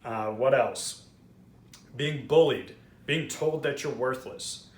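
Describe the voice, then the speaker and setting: Taking it slowly, a medium-pitched Israeli man who runs a trauma-healing channel gives a candid, earnest explanation to camera, marked by frequent fillers and restarts. Faint background noise sits under a roomy echo.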